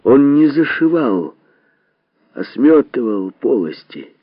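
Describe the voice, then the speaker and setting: A man giving a measured literary reading with dramatic pauses, on a dull, lo-fi recording. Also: medium pitch, very animated, no room sound. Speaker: reader. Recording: dull lo-fi dry sound.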